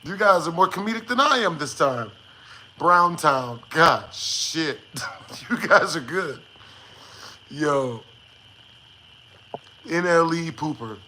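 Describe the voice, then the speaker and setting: A man with a high, bright voice chats casually to livestream viewers. He takes his time, joking in loose slang with plenty of swearing, over faint background noise. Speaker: live streamer.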